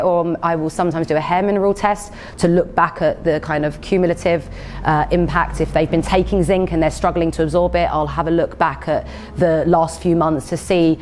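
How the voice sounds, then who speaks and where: Essex woman, lower-pitched, explaining informally. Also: a little mellow, slight background noise. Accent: Essex, Cockney-tinged. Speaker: naturopath giving a health talk. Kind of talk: informal talk with audience questions.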